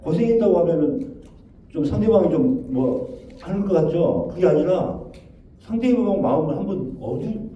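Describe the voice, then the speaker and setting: A man's voice: high voice, animated, moderate pace, warm tone. Guy lecturing with lots of back and forth questions, voice jumps all over, super echoey far off room. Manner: rhetorical questions to the audience, acts out quoted phrases. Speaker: lecturer on overcoming depression. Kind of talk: spoken lecture. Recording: echoey and distant, dull, faint noise.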